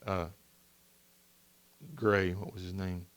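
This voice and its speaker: A man's voice: sits low, slow pace, smooth. A male pastor preaching a sermon, asking the congregation questions and acting out the voices of people in the story. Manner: animated, asks the congregation questions and acts out voices. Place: church sanctuary.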